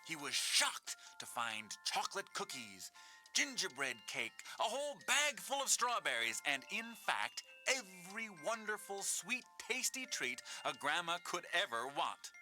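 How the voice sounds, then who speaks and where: A man playing an expressive narrator of a children's storybook. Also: high-pitched, a little slow, soft background music, full character voice. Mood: storytelling. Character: animated male storybook narrator.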